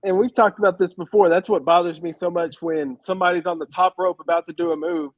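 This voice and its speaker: A man with a high voice talks casually as a podcast co-host, ranting and laughing with an animated, exasperated edge. The sound is dry and close, with no room around him. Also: quick pace, dry recording, dull audio. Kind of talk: casual wrestling review chat.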